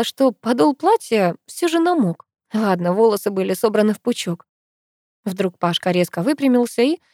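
A woman reading a first-person novel aloud as an audiobook, lively and expressive. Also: medium pitch, dry recording, clean studio sound. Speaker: audiobook reader.

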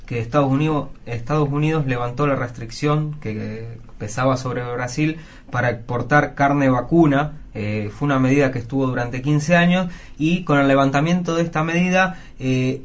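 A man on a radio panel explains political and economic matters. His voice sits at a middle pitch. He is slightly halting and sometimes stops on a filler. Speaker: political commentator.

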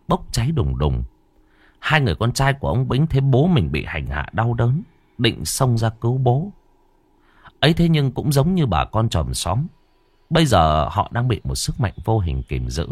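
Deep-voiced man telling a ghost story. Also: a little mellow, husky, no echo. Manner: dramatic, slow in tense moments. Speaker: narrator. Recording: dry close voice with faint background music.

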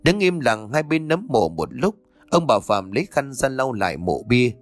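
Expressive male storyteller over faint music. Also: mid-range voice, moderate pace, no room sound. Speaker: audiobook narrator. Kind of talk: scripted story narration. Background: faint background music.

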